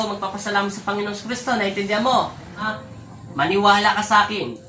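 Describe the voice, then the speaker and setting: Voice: mid-range voice, pushed and bright. A folk faith healer talking to viewers about healing and sternly commanding spirits during a session, in a scolding, preacher-like manner. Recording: echoey room, voice far from mic, faint ambient noise.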